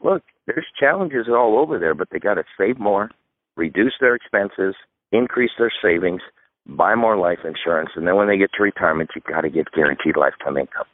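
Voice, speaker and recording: A man's voice: low-pitched, expressive, fairly quick, no echo. A man in his fifties, a retirement expert guest, giving emphatic step-by-step advice in a radio interview. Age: 50s. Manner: emphatic, instructive, lays out steps. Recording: dry tinny phone line.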